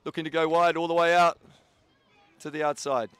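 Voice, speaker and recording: A man giving steady play-by-play rugby commentary. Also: a little high, fairly quick, clear, resonant tone, dry recording. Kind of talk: live sports commentary.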